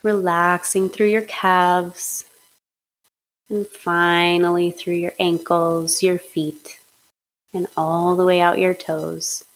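A woman leading a guided hypnosis meditation in a slow, soothing, steady way. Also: fairly low pitch, poor audio. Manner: slow, soothing, monotone guidance.

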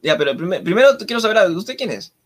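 A man's voice: sits high, sing-song, quick pace. A man playing a pompous radio interviewer, mock-formal and sarcastic.

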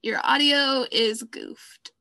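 A woman with a notably high voice co-hosts a casual podcast about music. She is chatty and playfully teasing, laughing often. Her voice sits close and dry on her microphone, with no room sound. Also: steady tone, slow pace, creaky, bright, forceful tone, no room sound. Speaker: podcast co-host. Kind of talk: casual chat reviewing songs. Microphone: own microphone while recording.

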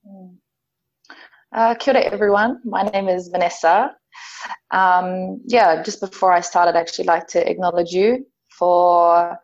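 A woman's voice: lowish voice, lo-fi sound. A woman from New Zealand with a New Zealand accent, a podcast guest telling her own story candidly and reflectively, with many ums. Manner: candid, reflective, with frequent ums and soft laughs. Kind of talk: personal storytelling in conversation.

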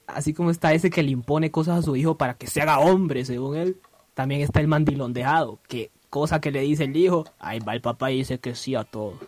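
A man's voice: fairly high pitch, a little fast, no echo. A man co-hosting a podcast, telling jokey stories in casual chat. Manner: storytelling, says "maje" often. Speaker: podcast co-host.

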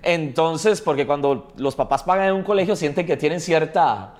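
A man from Costa Rica, speaking with a Costa Rican accent, tells his story as a guest in a casual interview, chatting away with frequent tag questions. His voice is a little high, with lively intonation and a normal speed.

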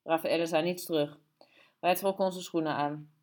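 Woman audiobook narrator, lowish voice, calm and steady. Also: normal speed. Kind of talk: scripted narration.

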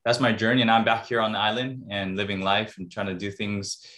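Upbeat low-voiced man from Hawaii. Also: flat delivery, brisk, fairly bright tone. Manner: upbeat, enthusiastic. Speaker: podcast guest. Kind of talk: casual interview chat.

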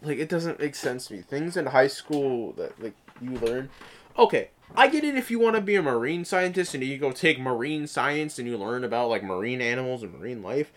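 Young male podcast co-host, casual crude rambler, animated delivery, close mic with faint noise. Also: mid-range voice, brisk. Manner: rambling, crude, laughs a lot. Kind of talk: casual chat.

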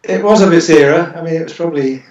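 A man's voice: on the high side, fast, a little mellow, far from the mic, lo-fi sound. A man chatting casually as a podcast panellist. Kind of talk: casual chat. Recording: echoey room, off the microphone.

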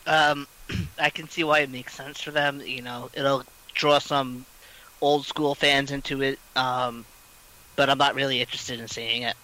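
A man co-hosting a podcast who makes brief, measured remarks. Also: mid-range voice, flat delivery, pushed and bright, low-quality recording. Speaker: podcast co-host.

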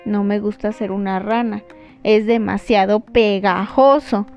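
A woman's voice: medium pitch, fairly even intonation, measured pace, a little mellow, lightly acted. A woman voicing a small girl frog who wishes she were another animal, in a storybook reading. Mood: whiny. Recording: dull lo-fi with guitar music.

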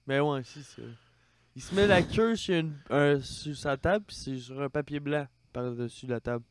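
Smooth-voiced young Quebecois man. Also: on the high side, moderate pace. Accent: Quebec French. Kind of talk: crude casual banter.

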